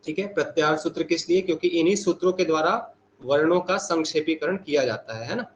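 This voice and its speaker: A man teaching a Sanskrit class online, saying each sutra slowly and repeating it for his students. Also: fairly high pitch, lo-fi sound, slight background noise.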